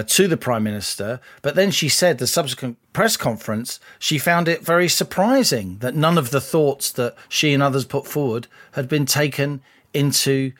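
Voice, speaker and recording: A man co-hosting a political podcast, laying out his analysis in a measured, deliberate way. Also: medium pitch, fairly bright tone. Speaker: podcast co-host, columnist.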